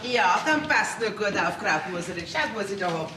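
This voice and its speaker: An actress with a Bavarian accent playing a jealous, jeering middle-aged village wife in a folk theater play. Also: female voice, medium pitch, expressive, moderate pace, close to an everyday voice. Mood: spiteful. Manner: spiteful and jeering. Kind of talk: folk theater stage acting. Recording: roomy stage sound from far off with hall noise.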